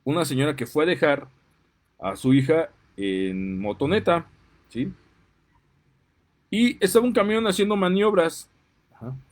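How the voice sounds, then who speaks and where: A man's voice: fairly high pitch, animated, a little slow, long pauses. Mexican man, parent, heated opinion monologue, indignant, gets worked up. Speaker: parent and commentator. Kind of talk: impassioned monologue.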